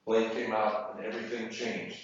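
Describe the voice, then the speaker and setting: A man reading fiction aloud at a literary event, measured and deliberate with pauses, in a university hall. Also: lowish voice, flat delivery, slight background noise. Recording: echoey hall, distant mic, muffled.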